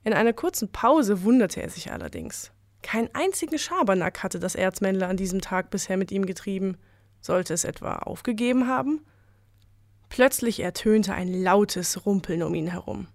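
A woman calmly narrating a folk tale as a scripted story. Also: mid-range voice, normal speed, no echo, studio quality.

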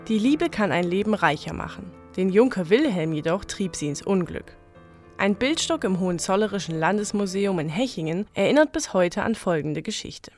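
A woman reading a folk legend aloud as a storyteller in a calm, measured way. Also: medium pitch, faint music behind. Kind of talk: scripted legend narration.

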